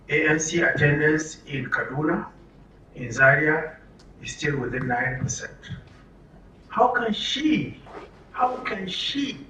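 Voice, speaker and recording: At a health orientation for media, a Nigerian man addresses an audience in a room with a bright, forceful voice, fairly high for a man. He speaks emphatically, often posing questions and answering them himself. The mic is distant, so the sound is roomy with faint noise.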